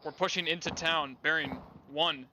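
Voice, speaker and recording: Guy doing squad leader radio callouts, monotone and quick, clipped army jargon, some noise behind him. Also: fairly high pitch. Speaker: squad leader in a military simulation game.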